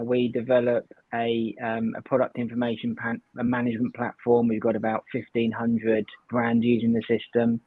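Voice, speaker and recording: A man speaks over a video call, and his voice has a tinny, metallic tin-can sound with a narrow phone-like band. The sound is dry, with no room around it. He talks in a halting way, with a lot of ums and uhs. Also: mid-range voice, no echo. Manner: hesitant, with many fillers. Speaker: panelist. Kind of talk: video panel introduction.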